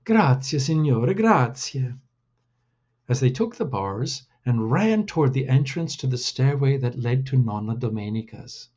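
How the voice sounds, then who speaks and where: A man reading his own storybook aloud in a deliberate, measured way. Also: medium pitch, animated, warm tone, highs cut off.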